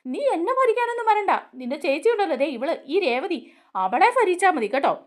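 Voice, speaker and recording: A brash, accusing young man, as a woman storyteller puts him on. The voice sits high and swings widely, insistent and confrontational throughout the retold scene. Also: big pitch swings, brisk.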